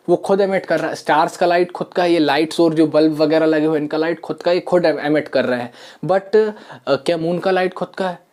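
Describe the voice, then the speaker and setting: A man teaches a school science lesson in a soft, low-key voice. He explains step by step, often pausing on fillers and repeating phrases. He is recorded in a small room. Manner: soft-spoken. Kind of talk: classroom lesson. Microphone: camera mic.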